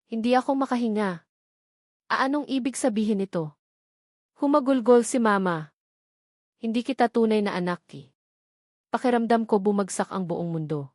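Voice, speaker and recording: Dry, even woman narrating a family drama. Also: medium pitch, dry recording. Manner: short dramatic sentences, quoting every character in the same voice. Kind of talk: first-person dramatic story narration.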